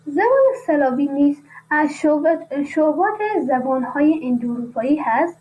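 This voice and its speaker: A woman, reading a radio lesson and adding casual spoken asides. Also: high voice. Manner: reads a text, then explains it in casual asides. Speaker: teacher. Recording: dull lo-fi radio sound, faint noise.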